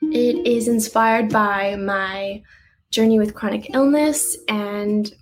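A woman's voice: mid-range voice, fairly even intonation, takes it slowly, faint music behind, low-quality recording. Young woman, chatty, easygoing, says "like" a lot, video call interview guest. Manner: chatty, uses "like" a lot, laughs easily. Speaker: guest musician. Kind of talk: casual interview answers.

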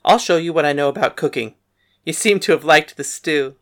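A woman with a low voice speaks fairly quickly, voicing a bold, frank young gunslinger in an audiobook. Her character delivery is blunt and matter-of-fact.

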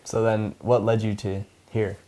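A man hosting a podcast, asking relaxed, short interview questions. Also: fairly low pitch, a little slow, a little hiss or hum.

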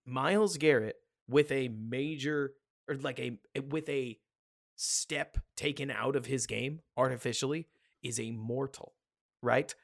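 A man's voice: medium pitch, a little slow, creaky. A man co-hosting a casual sports podcast, musing about the game in a loose, conversational way. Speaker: podcast co-host.

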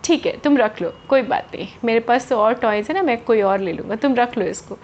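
A woman voicing a kind, patient young boy who talks softly and reassures a younger child. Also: on the high side, brisk, highs cut off, a little hiss or hum, natural voice. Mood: gentle.

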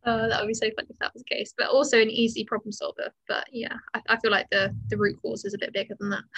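A woman co-hosting a chatty podcast, her voice bright and fairly even in pitch. She talks in an opinionated, easygoing way and laughs often. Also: fast talker, husky, low-quality recording. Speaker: podcast co-host. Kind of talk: casual chat.

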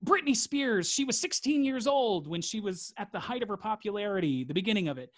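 A man's voice: high voice, expressive, a little fast, no echo, studio quality. Earnest man repeating phrases for emphasis. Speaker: interview guest. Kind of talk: reflective conversational interview.

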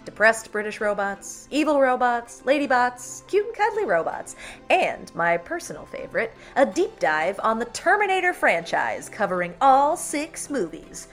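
A woman's voice: on the high side, big pitch swings, normal speed, fairly bright tone, faint music behind. A woman co-hosting a podcast in casual chat, rambling and playful with many asides. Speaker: podcast co-host.

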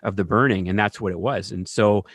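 A man telling a story in casual conversation, animated and often checking in with the listener. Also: fairly low pitch, brisk, no room sound. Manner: animated, keeps asking "right?".

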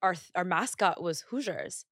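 A woman's voice: on the low side, expressive, normal speed, fairly bright tone, no echo, studio quality. A woman from Northwest Indiana, a guest on a podcast, talking casually with lots of "like" and giggles. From Northwest Indiana, United States. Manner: casual, frequent "like" fillers, giggly. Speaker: guest, artist and art teacher. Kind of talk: conversational podcast interview.

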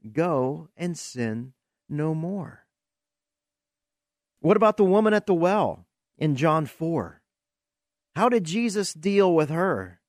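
Slow, earnest man preaching on a podcast. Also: a little high, dry recording, studio quality. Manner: earnest, asks rhetorical questions, repeats words as he searches. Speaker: podcast host and Bible teacher. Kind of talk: preaching-style Q&A teaching.

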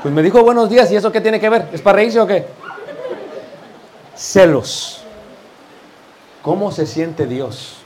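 Brief: male preacher, high voice, animated sermon with rhetorical questions. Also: a little slow, pauses often, some chatter behind, a little hiss or hum. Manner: lively preaching, rhetorical questions, addresses "hermanos".

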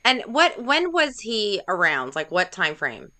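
A woman co-hosting a podcast in casual chat, reacting with quick interjections and jokes. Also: medium pitch, big pitch swings, bright, forceful tone. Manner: reacting with short interjections, joking. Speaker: podcast co-host.

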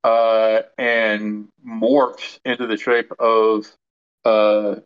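A man's voice: fairly low pitch, level tone, very slow, clear, resonant tone, highs cut off. A man narrating as game master, rambling with frequent ums and restarts.

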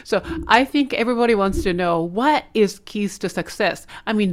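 A woman hosting a podcast interview, introducing her guest and asking questions with open enthusiasm. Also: medium pitch. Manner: enthusiastic, effusive. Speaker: podcast host.

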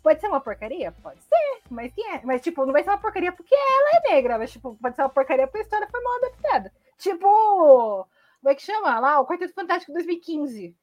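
A Brazilian woman co-hosting a podcast from home, chatting casually with animated, rambling and blunt opinions. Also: very high-pitched, fast, lo-fi sound, faint music behind. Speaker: podcast co-host. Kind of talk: casual chat.

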